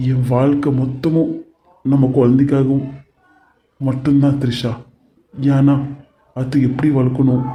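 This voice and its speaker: A man voicing a devoted husband and father-to-be in an animated serial, emotional and reassuring. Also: medium pitch, slight background noise, lightly acted. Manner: emotional, reassuring, talks in long rushes. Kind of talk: cartoon serial voice acting. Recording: dull lo-fi audio with faint music.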